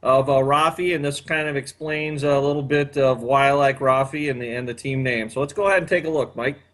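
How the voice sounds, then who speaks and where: A man's voice: medium pitch, steady tone, a little fast, a bit bright. A man in his fifties hosting a casual chat, rambling with many fillers. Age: 50s. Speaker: podcast host.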